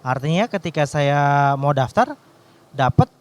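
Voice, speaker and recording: A man's voice: fairly high pitch, expressive, measured pace. A man, a doctor, telling a personal faith testimony in an earnest storytelling way, with restarts.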